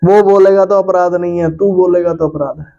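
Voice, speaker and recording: A man from India preaching as a pastor, pitched a little high, with a dark, mellow tone. He hammers his points home, repeating phrases and firing rhetorical questions at the congregation. The recording is dull and lo-fi, with faint music underneath. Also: steady tone, normal speed. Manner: emphatic, repetitive, addresses listeners directly with rhetorical questions. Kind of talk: Hindi sermon.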